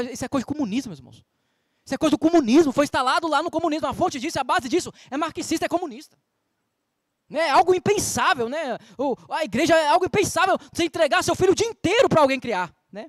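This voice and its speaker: A man's voice: very high voice, no echo, studio quality. A man with a Brazilian Portuguese accent preaching a sermon as pastor, emphatic, with rhetorical questions and scripture quotes. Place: church.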